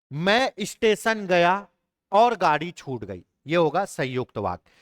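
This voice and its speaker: A man's voice: sits high, a bit bright, clear, resonant tone, no room sound, studio quality. A young man, teaching an exam prep lesson and patiently spelling words out letter by letter. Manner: explains patiently, spells words out slowly, checks in with "ठीक है".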